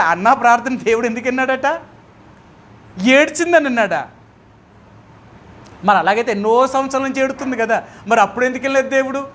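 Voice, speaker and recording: High-voiced man preaching with fiery questions. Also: a little hiss or hum. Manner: emphatic, keeps asking rhetorical questions; swings between loud bursts and quiet drops. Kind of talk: sermon at a prayer meeting. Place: prayer house.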